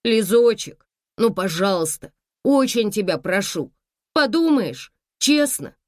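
A woman's voice: medium pitch, very animated, slow pace, no echo, studio quality, pitched above the performer's own voice. A woman reading an audiobook voices an eager teenage grandson whose young voice cracks. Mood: eager, coaxing.

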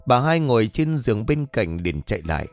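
A man narrating a scripted ghost story in an expressive, dramatic reading. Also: mid-range voice, fairly quick. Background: faint background music.

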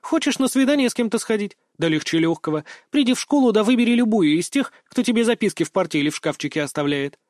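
A bubbly, teasing teenage schoolgirl, as a male narrator puts her on, lifted high above his own voice. She fires off questions in a bright, playful rush. The recording is close and dry. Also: expressive, no room sound. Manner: teasing, rapid-fire questions. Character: chatty cheeky teenage schoolgirl.

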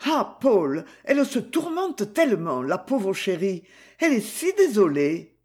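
A reader voicing an anxious, prim older society mother in an audiobook, in a high and fluttery tone. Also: very animated, measured pace, a little mellow. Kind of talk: audiobook character reading.

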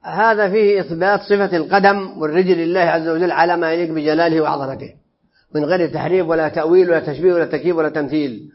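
High-pitched guy teaching a religion class, keeps quizzing the room, muffled lo-fi recording. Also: steady tone, very fast. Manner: explains phrase by phrase and quizzes listeners with questions. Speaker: Islamic creed teacher. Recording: dull lo-fi lesson recording.

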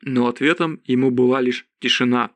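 Guy reading a novel aloud, steady, middle pitch, dry close sound. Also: moderate pace, dry recording. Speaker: narrator. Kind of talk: audiobook narration.

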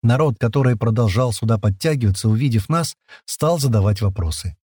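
A man's voice: medium pitch, a little fast, slightly rough, no echo, studio quality. A man reading an audiobook aloud, narrating in the first person and voicing the dialogue. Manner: lively, shifts voice for quoted characters.

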